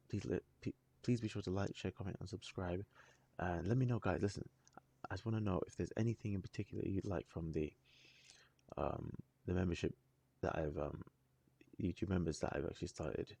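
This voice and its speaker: A man hosting a music reaction video, chatting casually and thinking aloud in halting, rambling sentences with frequent restarts. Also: low voice, vocal fry, mellow, breathy edge, dry recording. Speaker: music reaction channel host.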